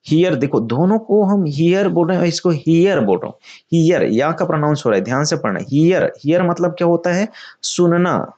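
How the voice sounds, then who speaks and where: A man's voice: fairly high pitch, lively intonation, normal speed, darkish tone, muffled recording. A man teaching English vocabulary in Hindi. He often asks a question and answers it himself, repeats key words, and calls his viewers friends.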